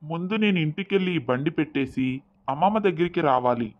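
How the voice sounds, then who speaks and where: Woman narrator plays a flustered young grandson in a spoken storybook, lowered voice. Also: lively intonation, brisk, highs cut off. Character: hasty young village man, grandson.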